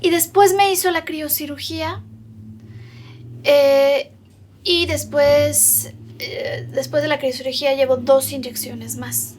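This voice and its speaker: A woman with a Mexican accent speaks in a high, light voice in a documentary interview. She stumbles and repeats words as she works through long lists. She is recorded in a doctor's consulting room. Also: fairly even intonation, slow pace, a little mellow, slight background noise. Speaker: patient interviewee.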